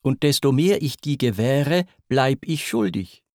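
A man's voice: mid-range voice, expressive, a little slow, a little mellow, dry recording, studio quality, lightly acted. A man voicing a young woman from myth, coy and pleading in a raised, imploring voice. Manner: raised, imploring, sighing delivery.

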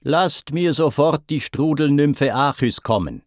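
A man voicing a proud, hot-tempered male sea god, declaiming loudly in raised pitch in a dramatic verse reading. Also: expressive, unhurried, no echo, clean studio sound. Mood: commanding.

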